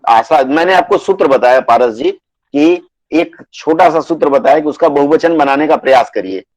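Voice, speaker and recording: A man teaching a Hindi grammar class online, patiently repeating rules and dictating word lists slowly. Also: on the high side, expressive, a little mellow, dry recording, dull audio.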